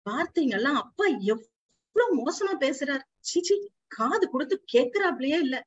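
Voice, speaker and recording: A woman's voice: high-pitched, animated, normal speed, no room sound. A woman voicing a male household dog who narrates the story anxiously, with frequent fretful cries in household speech. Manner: fretful exclamations, Brahmin Tamil household speech. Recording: slightly dull lo-fi recording.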